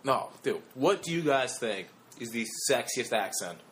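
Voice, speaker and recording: A man's voice: mid-range voice, very animated, unhurried, fairly bright tone, a little hiss or hum. A young man co-hosting a casual podcast chat, brash and crude with blunt opinions. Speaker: podcast co-host.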